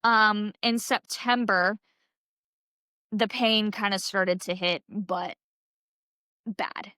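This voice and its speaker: Young woman, twenties, casual interview storytelling, smooth clear tone, lots of "like". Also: medium pitch, fairly even intonation, very slow, bright, forceful tone, no room sound, clean studio sound. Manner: chatty, heavy use of "like" and "um". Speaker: podcast guest, college gymnast.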